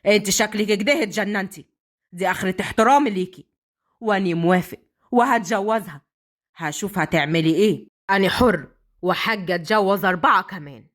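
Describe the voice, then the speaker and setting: Woman doing a mean bossy husband, low harsh voice. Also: fairly quick, natural voice. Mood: angry. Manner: harsh, threatening. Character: angry, domineering young husband.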